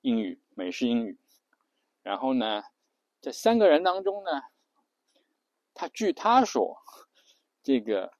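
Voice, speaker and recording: A man's voice: mid-range voice, darkish tone, no echo, lo-fi sound. A man telling a story casually, hesitating often with filler sounds.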